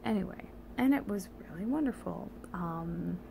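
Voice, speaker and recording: A tired, sleepy woman gives a halting, meandering confessional monologue, slightly slurred because she has a retainer in her mouth. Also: lowish voice, expressive, vocal fry, noisy background. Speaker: vlogger.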